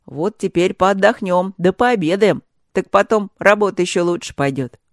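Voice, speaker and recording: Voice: medium pitch, normal speed, no room sound, clean studio sound, lightly acted. A reader voicing a cautious, worried old woodcutter father in an audiobook fairy tale. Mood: fussy fatherly.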